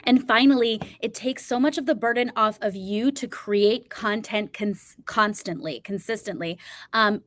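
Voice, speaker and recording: A woman's voice: on the high side, unhurried, dry recording, studio quality. A woman co-hosting a live business webinar, speaking in an earnest, encouraging way. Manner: warm, encouraging, earnest delivery. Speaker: co-host and business coach.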